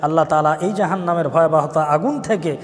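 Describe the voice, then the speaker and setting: High-voiced preacher in a reverberant hall. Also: male voice. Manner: rising and falling preaching cadence, drawn-out emphasis; recites Quranic verses in chanted Arabic. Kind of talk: sermon.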